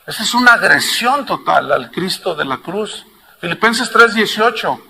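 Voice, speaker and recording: A man preaching a sermon to his congregation, impassioned and swinging from hushed tones to loud emphasis. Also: sits high, expressive, moderate pace, creaky, a little hiss or hum. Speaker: pastor.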